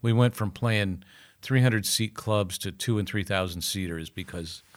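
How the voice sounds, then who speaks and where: In a casual interview, an older male musician recounts anecdotes in a lowish voice at a measured pace. He's a lively storyteller who keeps switching into the voices of the figures he describes.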